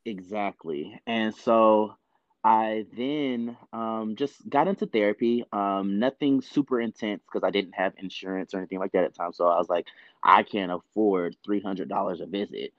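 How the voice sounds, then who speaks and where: A man's voice: on the low side, moderate pace, dry recording, muffled recording. A man from the US South, a podcast guest talking candidly in a chatty, filler-heavy way. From Georgia, US South. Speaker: podcast guest, actor and producer. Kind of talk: casual interview talk.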